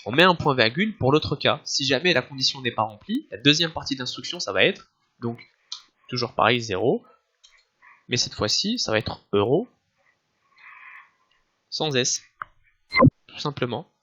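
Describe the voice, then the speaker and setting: A man teaching a screen-recorded software tutorial, explaining step by step with frequent restarts and filler sounds. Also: medium pitch, lively intonation, moderate pace, long pauses, lo-fi sound. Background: soft background music.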